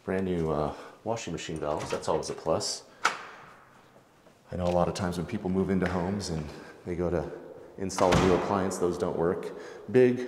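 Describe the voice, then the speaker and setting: A male real estate agent with a deep, low voice gives a house tour, narrating casually both indoors and outside. He is relaxed and chatty, with many filler words, and a faint hiss sits in the background.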